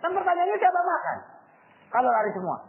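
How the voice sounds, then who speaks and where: Guy preaching casual, keeps asking get it or not, high voice on a thin phone-ish line. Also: very animated, fast talker. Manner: colloquial Jakarta slang, rhetorical questions. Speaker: religious teacher. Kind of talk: casual sermon to youth. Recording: tinny phone-like line, faint noise.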